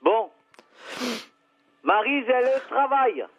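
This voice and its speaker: Male salon phone answerer, high-ish, curt and exasperated, heard through a thin phone line. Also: animated, takes it slowly. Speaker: hairdresser's husband answering the phone.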